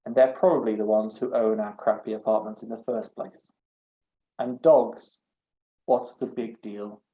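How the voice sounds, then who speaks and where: A blunt young adventuress, read by a man, whose dry, dismissive lines land loud and flat. The sound is dull and echoey, as from a home room. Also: lowish voice, measured pace, lightly acted. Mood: sarcastic.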